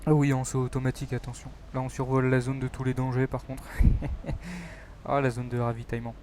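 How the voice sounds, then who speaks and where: A young man narrates his mobile shooter match at an ordinary middle pitch. He jokes, rambles and pokes fun at himself. When danger is close he drops to a low near-whisper. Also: steady tone, fairly quick, warm tone, slight background noise. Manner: joking, self-mocking, rambling with fillers. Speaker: gaming YouTuber. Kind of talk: casual mobile game commentary.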